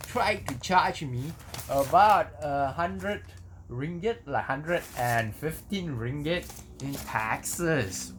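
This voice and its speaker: A man's voice: fairly high pitch, a bit bright, a little hiss or hum. A man talking casually as an unboxing vlogger, conversational and often tagging phrases with okay and right. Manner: conversational, repeats himself with tag words like okay and right.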